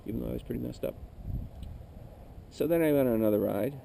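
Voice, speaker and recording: Weary gravelly man talking to camera roadside. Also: mid-range voice, fast, background noise. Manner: candid, weary, circling back to correct himself. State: emotionally worn out. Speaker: vlogger on a motorcycle trip. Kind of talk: rambling roadside monologue to camera. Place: outdoors on a rural roadside. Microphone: camera mic.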